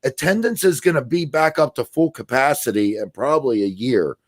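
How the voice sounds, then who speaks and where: A man's voice: medium pitch, lively intonation, fairly quick, no echo. A man co-hosting a sports podcast, laying out an argument point by point in an assertive, casual way.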